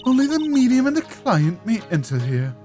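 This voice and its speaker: A woman plays a prim, haughty middle-aged matron from a video game, speaking with stern, stately formality and archaic courtesy. Her pitch rises and falls with each pronouncement in a sing-song manner at normal speed. Music plays under her voice.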